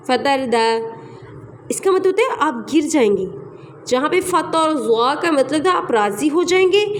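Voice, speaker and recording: A woman teaching a recitation class online, explaining patiently and repeating sounds and examples slowly. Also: high-pitched, slight background noise. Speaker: tajweed teacher.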